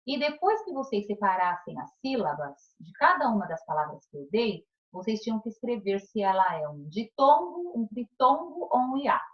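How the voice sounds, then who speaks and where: A woman's voice: fairly high pitch, big pitch swings, lo-fi sound. A woman teacher with a Brazilian Portuguese accent, giving a recorded remote class to primary pupils in an encouraging way, drawing out syllables and checking in often. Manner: encouraging, drawn-out syllables, frequent "tá?" check-ins.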